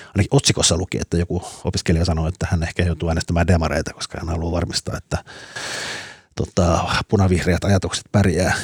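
A man's voice: deep voice, a little mellow, slightly rough, no echo, studio quality. A Finnish man, a podcast panelist, explaining things at length in casual discussion with many fillers.

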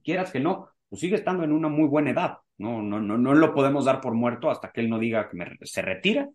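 A man's voice: medium pitch, expressive, fast. A man co-hosting a casual golf podcast, talking in long rambling sentences full of fillers. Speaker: podcast co-host.

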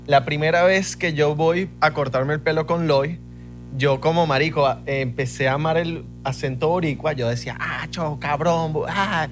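A man's voice: fairly high pitch, steady tone, normal speed, faint music behind. A man from Venezuela with a Venezuelan accent, co-hosting a podcast and telling anecdotes while playfully mimicking accents. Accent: Venezuelan Spanish. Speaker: podcast host.

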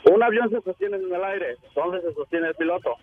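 A man's voice: sits high, moderate pace, dry recording. A man calling into a radio show by phone, earnestly telling a riddle. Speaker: caller. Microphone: telephone. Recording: phone line.

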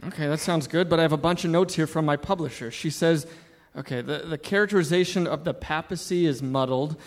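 Brief: man as blustering, panicky author, a bit high-pitched. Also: fairly quick, natural voice. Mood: flustered. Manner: flustered, blustering, exasperated. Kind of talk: comedy radio sketch.

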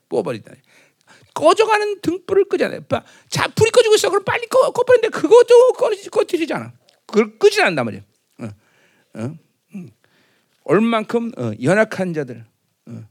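A middle-aged man preaching a Christmas sermon as pastor, chatty with his congregation, often asking them to agree, and acting out boastful proclamations. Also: very high voice. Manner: conversational, teasing the congregation with tag questions; acts out loud proclamations in a raised voice.

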